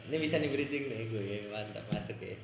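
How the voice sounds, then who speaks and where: A man's voice: fairly low pitch, a little fast, creaky, reverberant, slight background noise. A man co-hosting a casual podcast, rambling in slang and laughing often. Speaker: podcast co-host.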